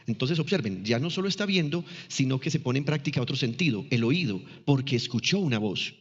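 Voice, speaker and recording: A man's voice: mid-range voice, expressive, brisk, slightly rough, long reverb tail, highs cut off. A man teaching a sermon, reading scripture passages aloud and explaining them with pointed questions. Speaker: preacher.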